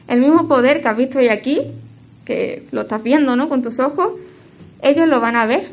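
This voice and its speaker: A woman delivers a devotional teaching in a slightly high voice. She speaks reflectively and haltingly, with many fillers and self-corrections, and her phrases often fade quieter at the end. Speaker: speaker giving a devotional talk.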